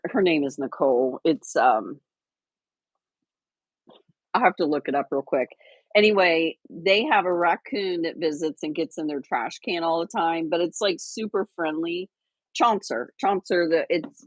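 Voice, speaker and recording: A woman's voice: sits low, dry recording. A woman co-hosting a casual livestream, chatty and rambling with lots of fillers and restarts. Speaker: livestream co-host.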